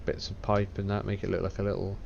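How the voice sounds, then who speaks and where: A man's voice: low voice, monotone, fast talker, a little mellow, highs cut off. A sleepy man thinking aloud in casual gameplay commentary, with a dopey, slack delivery. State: sleepy after work. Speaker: gaming video creator. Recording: clearly noisy background.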